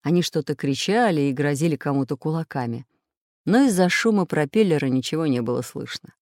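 A man narrating a children's adventure audiobook with expressive storytelling. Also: a little high, brisk, no room sound, clean studio sound.

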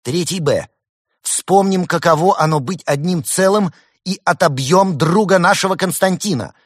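A man's voice: medium pitch, measured pace, slightly rough, dry recording, clean studio sound, pitched above the performer's own voice. A man voicing a little female fox schoolgirl who rallies her classmates, in a storybook reading. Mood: rallying.

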